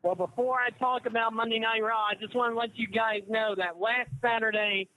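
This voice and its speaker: A man in his twenties calling in to a live podcast, talking eagerly with halting restarts over a phone line. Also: sits high, steady tone, sharp tone, a little hiss or hum. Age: 20s. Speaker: caller.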